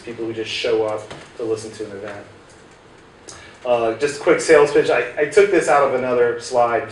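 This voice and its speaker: Speaking in a mid-range voice, a middle-aged American man whose first language is English presents a laid-back tech talk to a small hackerspace audience, restarting often and saying "uh" a lot. The setting is a small room with a projector, captured with roomy, distant acoustics and slight hiss.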